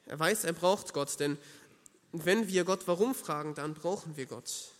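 A man's voice: on the high side, a little slow, big-room sound. A man preaching a sermon, earnest and emphatic, speaking directly to the listener.

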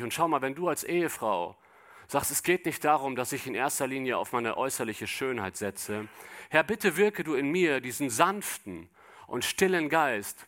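A man's voice: fairly high pitch, sharp tone. A man preaching an expository sermon, speaking straight to the congregation and asking them rhetorical questions. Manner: reads scripture aloud slowly.

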